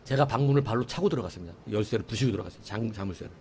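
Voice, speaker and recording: A man's voice: on the low side, racing, a little mellow, slight background noise. A middle-aged man preaching a sermon as pastor, telling a story with sound effects and asides to the congregation.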